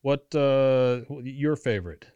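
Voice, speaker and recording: A man's voice: medium pitch, mellow, smooth, dull audio. Rambling fifty-something male podcast host. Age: 50s. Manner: rambling, halting, many restarts. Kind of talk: casual podcast chat.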